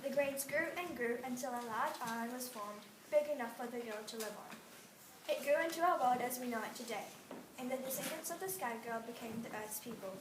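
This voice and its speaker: A woman reading a myth aloud as a storybook narration in a clear, steady voice. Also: a little high, a little fast. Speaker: reader. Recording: roomy, distant mic, faint noise.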